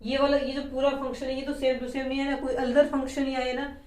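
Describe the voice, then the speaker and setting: A woman's voice: sits high, level tone, a little fast, a little mellow. A woman chemistry teacher giving a classroom lecture, explaining step by step and asking rhetorical questions. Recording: echoey room, voice from a distance.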